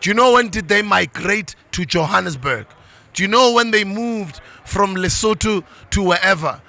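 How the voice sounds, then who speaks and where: Passionate South African man, bright and gravelly. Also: high voice, normal speed. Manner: passionate, preachy, switches into isiZulu. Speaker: motivational speaker. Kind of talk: motivational monologue.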